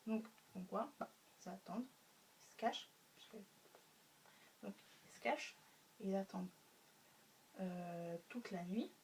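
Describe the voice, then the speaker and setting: A woman's voice: mid-range voice, measured pace, long pauses, a little mellow. A woman retelling a story for a class, hesitant, with many fillers and spoken sound effects. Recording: faint room noise, mic a bit distant.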